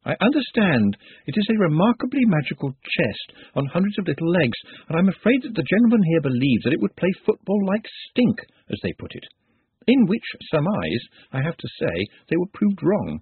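A precise, elaborately polite helper who speaks in formal, careful sentences, as a male reader voices him. The voice is softly husky and comes through dry and phone-thin. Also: fairly high pitch, very animated, normal speed, dry recording, pitched above the performer's own voice, full character voice. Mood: apologetic. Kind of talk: audiobook character voice. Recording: tinny lo-fi dry recording.

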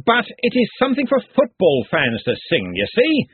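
A man voicing a gruff, blustery older male head wizard who teases dryly. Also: high voice, huge pitch swings, moderate pace, no echo, voice pushed up, full character voice. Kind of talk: audiobook character voice. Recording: tinny lo-fi dry recording.

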